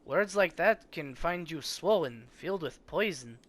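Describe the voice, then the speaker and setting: A man voicing an odd little bog-dweller who speaks slowly in a rhyming, sing-song way. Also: on the high side, expressive, fairly bright tone. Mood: ominous.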